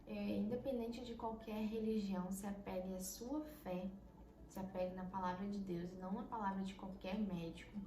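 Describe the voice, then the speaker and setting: A young woman from Brazil tells a heartfelt personal story to her camera, sincere and chatty, often checking in with her listeners. Her voice sits at a middling pitch and echoes around a bare room, with a faint hiss behind it. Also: fairly even intonation, normal speed, mellow. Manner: earnest, heartfelt, many tag questions. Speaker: vlogger.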